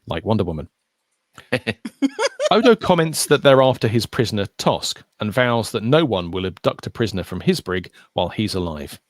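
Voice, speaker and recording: A low-voiced man hosts a podcast and reads through an episode recap. His pitch moves a lot, which makes the summary sound animated. The sound is close and dry, with no room behind it. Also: no echo. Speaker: podcast host. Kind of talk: reading an episode recap in casual chat. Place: recorded podcast session.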